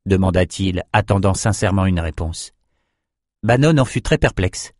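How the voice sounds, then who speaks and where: A man narrating a fantasy audiobook in a measured, even storytelling manner. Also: deep voice, no echo, studio quality.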